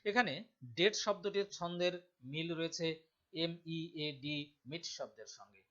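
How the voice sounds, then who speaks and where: A man teaching a poem to students, reading quoted lines slowly with emphasis. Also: on the high side, fairly bright tone. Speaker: literature teacher. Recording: dull lo-fi sound.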